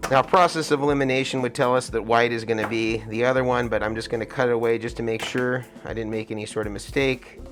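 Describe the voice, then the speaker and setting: A man's voice: medium pitch, fairly even intonation, quick pace, hardly any pauses, a bit bright, soft background music. An American man talking through a face mask that muffles him, explaining a hands-on tutorial step by step. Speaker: tutorial host, guitar rig builder.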